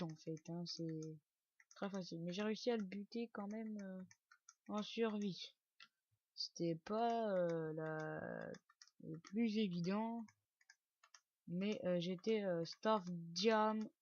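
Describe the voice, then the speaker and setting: A man's voice: high-pitched, darkish tone. A man giving a chatty, joking gameplay building tutorial with casual swearing and lots of fillers. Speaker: video game building tutor. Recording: dull lo-fi dry recording.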